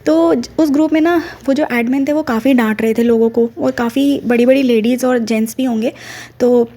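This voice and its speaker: A middle-aged woman talks through a devotional testimony in a mellow, somewhat high voice. She tells her story earnestly and often turns to address her listeners directly. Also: fairly even intonation, fairly quick. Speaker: devotee sharing a personal experience.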